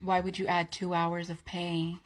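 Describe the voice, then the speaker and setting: A woman's voice: on the low side, completely flat delivery, moderate pace, a little hiss or hum, natural voice. A woman playing an assertive, sardonic office employee in a workplace comedy skit, speaking firmly, bluntly and with sarcasm. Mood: firm, indignant. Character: assertive, sardonic female office employee who refuses unpaid work.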